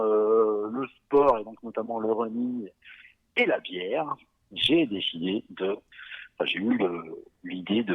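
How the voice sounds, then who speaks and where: A man in his forties from Savoie, talking casually as a podcast guest, relaxed and hesitant, with many fillers and little chuckles. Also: mid-range voice, muffled recording. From Savoie, France. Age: 40s. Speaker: guest, beer company founder.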